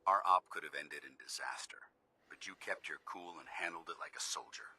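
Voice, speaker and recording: A disciplined soldier officer from a video game, low and forceful. He speaks in formal, commanding military phrasing. Every line lands with earnest conviction. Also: fairly quick, breathy edge, in a whisper, heavily acted. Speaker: game character.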